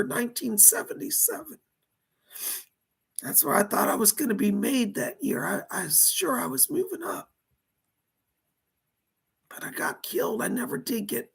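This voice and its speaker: A woman as a seance medium in trance, voicing a remorseful, frightened dead male mobster in a husky, halting, anguished way that slips into whispers. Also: a little high, a bit bright, exaggerated voice. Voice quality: husky, breathy, creaky. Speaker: seance medium channeling a spirit. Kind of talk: seance medium trance channeling, dramatic first-person confession.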